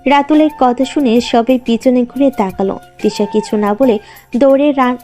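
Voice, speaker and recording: Woman reading out a drama story, mellow and a bit high. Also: normal speed, faint music behind. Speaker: narrator. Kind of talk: scripted story narration.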